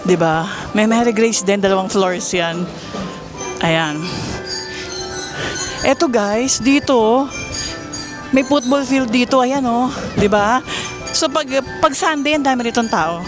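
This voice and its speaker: A woman's voice: fairly high pitch, slow pace, pauses often, music in the background, rough recording. A Filipino woman chatting casually to her viewers as she walks through a busy outdoor mall, recorded on a handheld phone. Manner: chatty, keeps addressing viewers as guys; raises her voice to be heard over the crowd. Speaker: vlogger giving a mall tour. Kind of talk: casual walking vlog.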